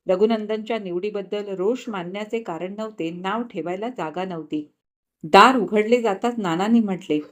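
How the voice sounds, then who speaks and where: A woman narrating a novel in a calm, measured storytelling manner. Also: medium pitch. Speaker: audiobook narrator.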